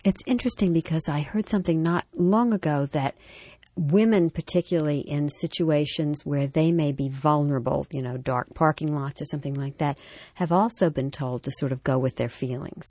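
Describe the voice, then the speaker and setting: Low-voiced woman hosting a parenting show. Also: warm tone, no echo. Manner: measured and reflective. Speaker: radio talk show host. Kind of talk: scripted story reading and interview.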